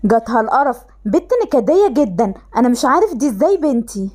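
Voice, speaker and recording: A woman's voice: a little high, very animated, quick pace, a little mellow. A woman with an Egyptian accent voicing a cold, dismissive father in a voiced game-animation story, speaking in a scornful manner. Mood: harsh. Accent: Egyptian Arabic.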